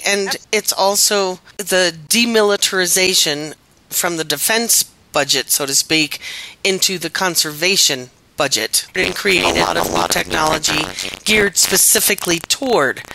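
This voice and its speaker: A woman's voice: on the low side, normal speed, creaky, sharp tone, slight background noise, low-quality recording. A woman hosting a podcast interview, asking probing questions and stressing key words. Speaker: podcast host.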